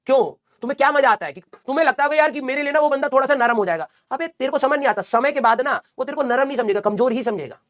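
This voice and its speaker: Male coaching teacher, rapid motivational pep talk, blunt and scolding, slangy asides. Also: very high voice, a bit bright. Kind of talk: motivational talk to exam students.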